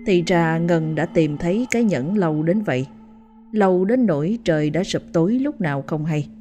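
A woman reading a ghost story aloud in steady, measured scripted narration. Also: fairly low pitch. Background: faint background music.

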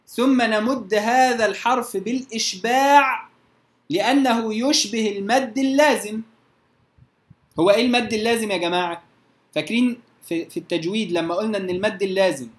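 A woman with an Egyptian Arabic accent teaching Quran recitation rules. She draws out her recited examples slowly and often checks whether her students follow. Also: medium pitch. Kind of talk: tajweed lesson. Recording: roomy echo.

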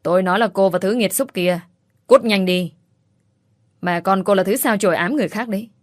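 A woman's voice: medium pitch, fairly quick, no room sound, clean studio sound, natural voice. A woman voicing a spiteful young female rival who shrieks scornful accusations in a storybook reading. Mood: scornful, shrieking.

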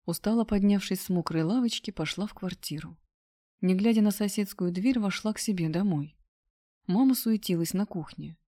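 A woman narrating a first-person story in a steady, subdued reading voice. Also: mid-range voice, normal speed. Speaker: audiobook narrator.

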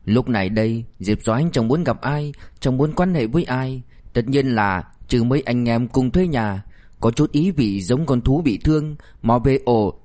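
A man narrating a novel audiobook with a steady, even storytelling delivery. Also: medium pitch, normal speed.

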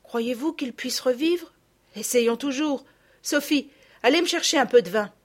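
A woman voicing a kind, calm grown-up woman who looks after the girls, gentle but firm, in a storybook reading. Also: high voice, measured pace. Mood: soothing.

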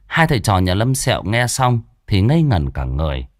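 Brief: male ghost-story narrator, animated and expressive, dry close recording. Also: lowish voice, brisk, dry recording. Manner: lively, animated comic delivery.

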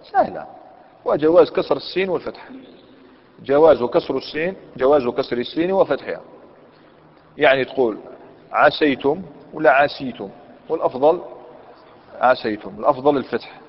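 A man's voice: on the high side, fast, long pauses. A man with an Algerian Arabic accent teaching a grammar lesson. He quizzes his students, repeats key points, and reads a commentary aloud before explaining it. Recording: echoey hall, dull lo-fi sound.

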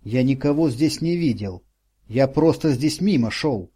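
Man voicing a gentle, bewildered man. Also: mid-range voice, expressive, unhurried, slightly rough. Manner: gentle, reassuring.

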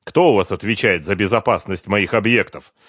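A man's voice: on the low side, a little fast, a bit bright, slightly rough, no room sound, clean studio sound. A man voicing a firm young male heir who speaks coldly and curtly. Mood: stern. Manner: cold, curt and firm.

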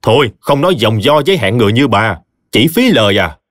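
A man's voice: medium pitch, sing-song, brisk, fairly bright tone, dry recording, studio quality. A man doing a stern scornful village chief. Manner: commanding and contemptuous.

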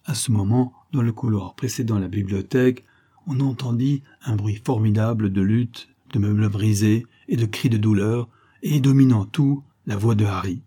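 A man narrating an audiobook serial in a low, steady storytelling voice. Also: moderate pace, breathy edge.

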